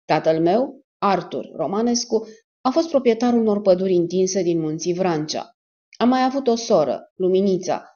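A woman narrating an audiobook in a measured, even storytelling manner, in a dull lo-fi recording. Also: mid-range voice. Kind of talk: scripted narration of a spy novel.

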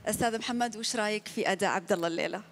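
A woman hosting a live singing competition, briskly and politely handing over to the judges. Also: medium pitch, creaky, loud music behind the voice. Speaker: show host. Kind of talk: live show presenting.

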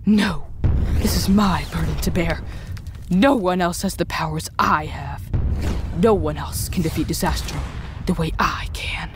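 A woman's voice: fairly low pitch, measured pace, natural voice. A woman playing a stubborn, self-important young superhero loner in a children's audio drama. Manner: dramatic, shouting sound-effect words. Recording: voice under loud music.

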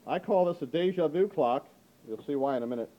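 A middle-aged man, an auctioneer, walking through an indoor antique gallery with a handheld camera and chatting upbeat about the items, often saying "ladies and gentlemen". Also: a little high, animated, a little fast, lo-fi sound. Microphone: handheld camera mic, speaker behind the camera.

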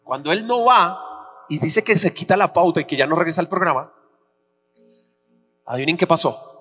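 A man preaching a sermon as pastor, telling personal stories animatedly and acting out the dialogue with shifting pitch. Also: normal speed, fairly bright tone, faint music behind. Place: church auditorium. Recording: reverberant church hall with faint hum.

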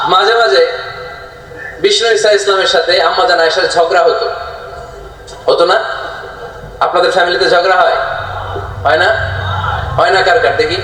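Brief: male preacher, high voice, conversational storytelling sermon, heavy PA echo at an outdoor gathering. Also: a bit bright. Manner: colloquial, questions the crowd directly. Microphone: loudspeaker PA.

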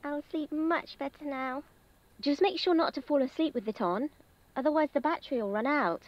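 Une femme qui double une jeune fille de jeu vidéo, qui met en garde contre le croque-mitaine d'un ton lent et posé. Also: female voice, sits high, normal speed, natural voice. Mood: matter-of-fact. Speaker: game character. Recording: dull lo-fi game audio.

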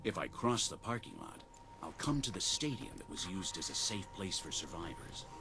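An actor playing a weary male survivor, narrating in a measured, grave game voice-over. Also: low voice, very animated, noisy background. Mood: grim. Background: game music.

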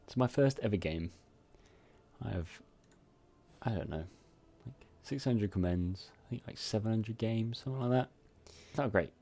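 A man's voice: fairly low pitch, moderate pace, pauses often, mellow. A man giving casual, sweary, nervous commentary on his own gameplay. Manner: nervous, sweary, chatty self-talk. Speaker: gamer.

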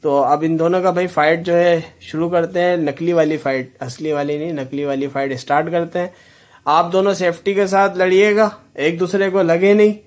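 Chatty man calling a play fight. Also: high-pitched. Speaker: vlogger host. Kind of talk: casual commentary on kids' game.

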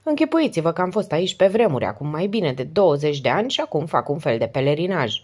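A composed, gruff police inspector, as a woman narrator voices him in an audiobook. He speaks in a deep, hushed, deliberate voice. He grumbles rather than shouts. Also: big pitch swings, heavily acted. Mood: calm. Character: calm middle-aged male police inspector, gruff. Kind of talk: audiobook character voice.

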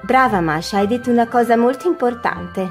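A woman playing a kind, patient grandmother who tells a fable and teaches gently. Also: fairly high pitch, brisk, faint music behind, close to an everyday voice. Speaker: storyteller. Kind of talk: web series doll sitcom acting.

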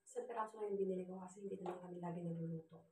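A woman's voice: fairly low pitch, steady tone, racing, reverberant, very noisy. A woman chatting casually as she cooks in her home kitchen, laughing at her own slips. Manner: chatty, self-deprecating, laughs at herself. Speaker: cooking vlogger. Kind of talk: casual cooking vlog narration.

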